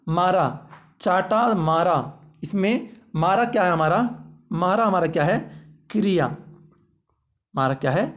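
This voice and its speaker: A man teaching exam-prep grammar, constantly repeating "ठीक है" and quizzing the listener with rhetorical questions, with playful jokey examples. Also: high voice. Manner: jokey, uses playful baby-talk examples. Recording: dull lo-fi audio.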